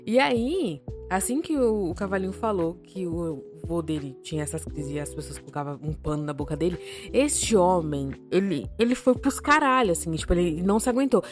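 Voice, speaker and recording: A woman's voice: lowish voice, faint music behind. A young woman with a Brazilian accent, co-hosting a podcast and telling a story in a casual, slangy, swearing way. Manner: animated, slangy and profane, quick shifts in loudness. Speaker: podcast co-host.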